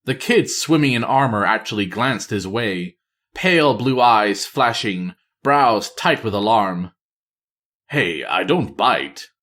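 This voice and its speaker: A man reading a novel aloud as a storyteller, narrating in a lively, expressive way. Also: mid-range voice, unhurried.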